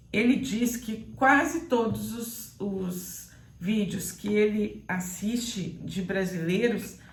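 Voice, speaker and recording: A Brazilian woman teaching pronunciation in a video lesson, speaking in a didactic, deliberate way and repeating words for emphasis. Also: mid-range voice, echoey room. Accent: Brazilian Portuguese. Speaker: Portuguese teacher.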